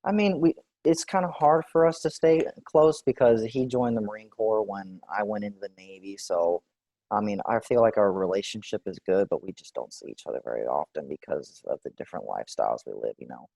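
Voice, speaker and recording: A man in his forties from Texas, answering questions in a clinical interview in a relaxed, hesitant way with many fillers. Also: lowish voice, fairly quick, gravelly, dry recording. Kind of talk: role-play clinical interview.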